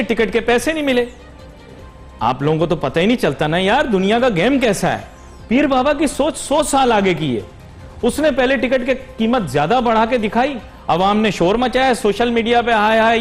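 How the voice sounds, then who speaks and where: A man with a Pakistani Urdu accent hosting a business TV show, mocking and sarcastic in a monologue before interviewing a guest over a studio mic. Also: high voice. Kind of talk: satirical monologue then interviewing.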